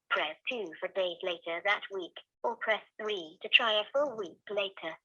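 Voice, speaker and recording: Bright automated woman's voice on a phone speaker. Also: mid-range voice, no echo. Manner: even, measured, clearly spaced prompts. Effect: automated phone voice heard through a speakerphone. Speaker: automated phone booking system. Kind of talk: recorded menu prompts. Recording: tinny phone speaker, dull and dry.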